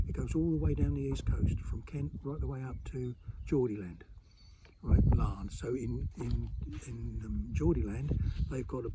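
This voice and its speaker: Suffolk bloke w/ east anglian accent explaining dialect, chatty and emphatic, noisy clicky recording. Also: male voice, mid-range voice. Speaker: dialect expert and presenter. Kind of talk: informal explanatory talk on dialect.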